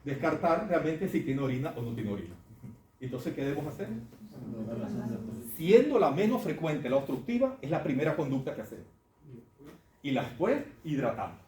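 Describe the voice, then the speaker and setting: Echoey medical lecturer quizzing students. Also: male voice, a little high, sing-song, normal speed, long pauses, a little mellow. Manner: conversational, asks the class questions. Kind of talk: classroom lecture on clinical cases. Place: lecture hall. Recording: echoey classroom, faint room noise.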